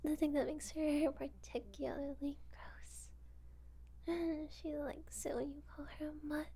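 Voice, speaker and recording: A woman playing a haughty, bullying purebred cat girl in a breathy whispered role-play, condescending one moment and fawning the next. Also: high-pitched, measured pace. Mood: mocking, smug. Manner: condescending, cutting, gushing and meowing when flattering.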